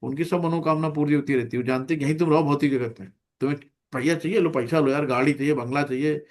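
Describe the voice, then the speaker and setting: A man's voice: fairly high pitch, steady tone, fast talker, darkish tone. Chatty male Gita class teacher. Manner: chatty, keeps asking "है ना?", acts out little scenes. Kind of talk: conversational scripture class.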